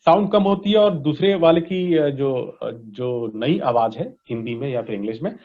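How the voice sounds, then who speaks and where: A man with an Indian accent and a mid-range voice at a moderate pace answers interview questions as a voice industry expert. His explanations are didactic, mixing in English and checking in like a teacher with frequent tags. The audio is dull and lo-fi.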